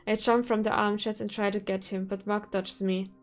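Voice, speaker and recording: A woman reads a visual novel aloud in first person, keeping a steady pace. Her pitch is mid-range and stays fairly flat. Soft music plays quietly in the background. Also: normal speed. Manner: steady reading with small restarts. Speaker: let's play narrator.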